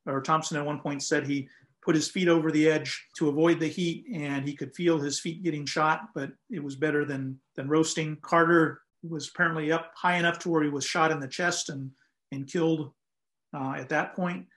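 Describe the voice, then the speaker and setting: A man's voice: on the high side, fairly even intonation, fairly bright tone. Older man explaining history on a video call. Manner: measured, explanatory, frequent "um" and "uh". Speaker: lighthouse historian guest. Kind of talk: conversational historical account. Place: home room, indoors.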